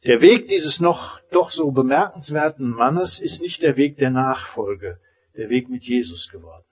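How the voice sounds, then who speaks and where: A man preaching a sermon as pastor, emphatic, rising high and then falling almost silent. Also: animated, a little slow, breathy edge.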